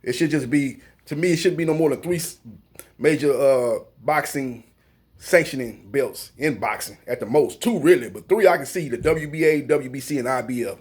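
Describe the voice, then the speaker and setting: A man hosting a boxing news channel, giving casual, rambling, opinionated commentary with many fillers and restarts. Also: fairly high pitch.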